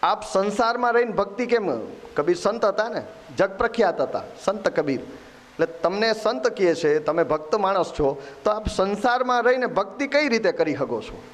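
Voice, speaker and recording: A man's voice: high voice, animated, normal speed. A man telling scripture stories in a devotional sermon, voicing the characters in dialogue. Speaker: Bhagavat katha preacher.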